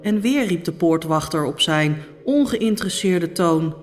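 A woman's voice: lowish voice, expressive, a little slow, soft background music. A woman playing a dream-haunted Roman noblewoman. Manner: solemn, urgent, hushed storytelling. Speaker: Pilate's wife. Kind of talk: dramatic first-person monologue.

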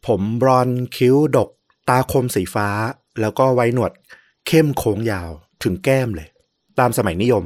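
A man co-hosting a podcast, telling a historical story in a relaxed, chatty way with many fillers. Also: mid-range voice, normal speed, no echo.

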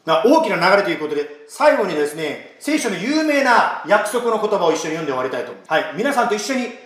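A man, a pastor, giving an emphatic, animated sermon and leading a prayer. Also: high voice, fast. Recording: echoey room.

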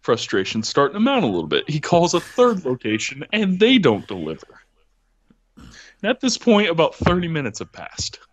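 A man's voice: a little high, huge pitch swings, normal speed. A man hosts a casual podcast chat, laughing and swearing his way through a long story. His voice swings widely up and down as he tells it. The recording sounds dull and lo-fi. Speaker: podcast host.

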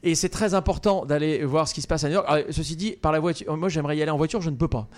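A man's voice: on the high side, rapid-fire, darkish tone. A man hosting a radio show, chatting casually and teasing his co-hosts. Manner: teasing, joking. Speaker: radio host.

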